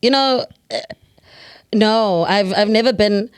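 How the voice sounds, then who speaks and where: A young South African woman from Cape Town, a guest in a casual podcast chat, talking in a lively, chatty way and laughing often. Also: mid-range voice, slow pace, clean tone, dry recording, clean studio sound.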